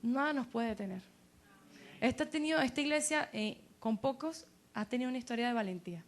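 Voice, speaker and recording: A woman pastor, preaching a sermon in an animated way and quoting people's doubts in a quieter voice. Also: on the high side, fairly quick.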